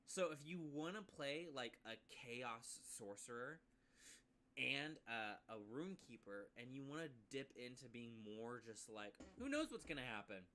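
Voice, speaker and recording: Bright-voiced chatty male streamer. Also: medium pitch, measured pace. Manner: chatty, with frequent asides to viewers. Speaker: streamer reviewing a game class. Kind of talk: casual live-stream review.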